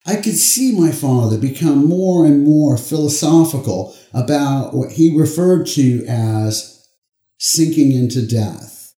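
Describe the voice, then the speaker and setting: A man telling stories about his father in an expressive, personal way, with soft music behind him. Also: a little high, takes it slowly, roomy sound. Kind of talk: personal storytelling.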